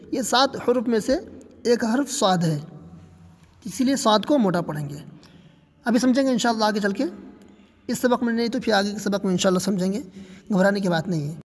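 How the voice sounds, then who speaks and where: A woman gives a tajweed pronunciation lesson in a fairly high voice, patient and reassuring. She stretches out each sample letter and repeats it several times. The voice rings with a long hall reverb. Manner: reassuring, repeats the right and wrong sounds. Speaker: Quran recitation teacher.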